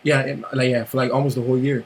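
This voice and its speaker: A man's voice: mid-range voice, flat delivery, fast talker, breathy edge, low-quality recording. Laid-back young man, musician guest. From Haiti. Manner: laid-back, agreeable, repeats "for sure". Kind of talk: casual interview chat.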